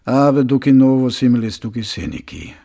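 A man's voice: sits high, very animated, normal speed, pitched above the performer's own voice. A man voicing a dry, formal male zombie lawyer in an audiobook.

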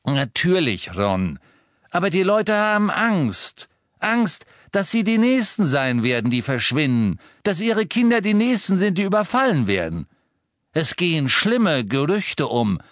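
A man's voice: fairly high pitch, very animated, a bit bright, no room sound, clean studio sound, voice pushed up. A man voicing a fretful middle-aged wizard father who talks hesitantly in an audiobook. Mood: worried. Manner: hesitant, sheepish, halting.

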